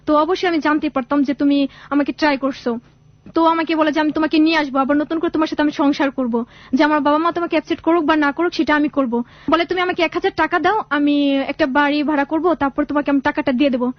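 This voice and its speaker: Calling in to a radio program, a high-pitched young woman shares her life story with emotion, wandering off track and frequently starting sentences over. The recording is dry, and the radio audio sounds dull and lo-fi.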